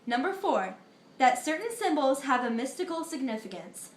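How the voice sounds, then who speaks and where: Here a teenage student voices Pythagoras, the ancient Greek philosopher, as an earnest older man in a school mock interview. Her high-pitched, sing-song delivery echoes around the room. She recites each answer earnestly but a bit haltingly, making small slips along the way.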